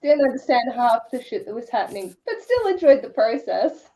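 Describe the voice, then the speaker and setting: Mellow, teasing woman with a high voice. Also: sing-song, normal speed, slight background noise, low-quality recording. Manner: playful and teasing. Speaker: guest reader. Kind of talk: casual livestream chat.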